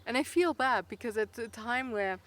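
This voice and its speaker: This woman is a vlogger from Luxembourg, a native Luxembourgish speaker with a matching accent. Her fairly high voice is expressive and moves at a moderate pace as she chats casually to camera, rambling and hesitating with many fillers and false starts.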